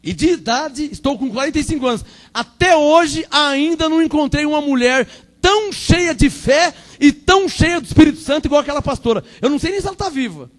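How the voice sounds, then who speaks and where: A man in his forties with a Brazilian Portuguese accent, preaching a Pentecostal sermon fervently, repeating phrases and swinging between loud proclamation and quiet asides. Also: very high voice, expressive, a little fast. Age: 40s. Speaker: pastor.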